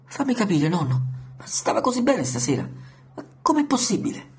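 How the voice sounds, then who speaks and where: A man voicing an anxious, hesitant young woman whose lines sit higher and sound worried. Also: animated, fairly quick, slight background noise.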